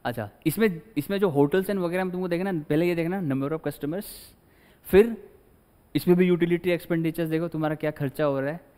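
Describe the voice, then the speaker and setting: This one features a smooth, slightly mellow, somewhat high male voice: a teacher lecturing chattily in a mix of Hindi and English, staging small scenes to explain ideas, heard with long hall reverb.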